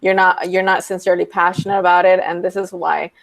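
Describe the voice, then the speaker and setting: A woman's voice: lowish voice, little pitch movement, fast talker, creaky. A woman hosting a casual talk, affirming her guest and speaking conversationally. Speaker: host. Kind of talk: casual video-call talk.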